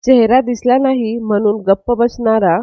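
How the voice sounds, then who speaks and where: A woman voicing a commanding, protective male head of the family who is stern with staff and gentle with family. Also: a little high, steady tone, normal speed, dry recording, natural voice. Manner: stern, then soothing. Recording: dry, slightly dull lo-fi.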